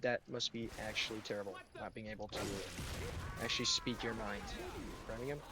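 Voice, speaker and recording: A man's voice: lowish voice, fairly even intonation, a little fast. Young man, from the US, sarcastic, rambling, gaming live-stream chat. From United States.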